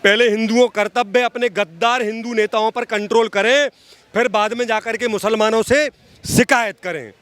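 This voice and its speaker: A social activist being interviewed delivers impassioned, opinionated political commentary in a high, slightly bright voice with a steady tone at normal speed. He's emphatic, repeats phrases, and addresses the listener directly.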